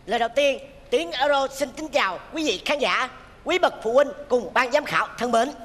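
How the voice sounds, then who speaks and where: Một người đàn ông đóng vai cậu học sinh nhà giàu kiêu ngạo, đọc bài thi một cách tự mãn. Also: male voice, very high-pitched, animated, normal speed, in a large hall, over a noisy crowd, very noisy. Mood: smug. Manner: smug, pompous recital. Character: boastful rich schoolboy contestant. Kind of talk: stage comedy sketch.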